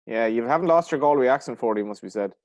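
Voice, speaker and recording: Fast-talking man interviewing. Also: mid-range voice, expressive, no room sound. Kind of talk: casual sports interview.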